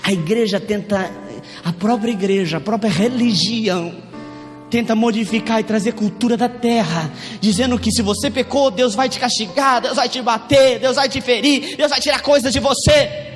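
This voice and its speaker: High-voiced Brazilian pastor preaching fervently. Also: male voice, normal speed. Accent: Brazilian Portuguese. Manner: impassioned, rising to shouts, acts out quoted voices. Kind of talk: sermon. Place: church sanctuary. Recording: reverberant church hall, faint music.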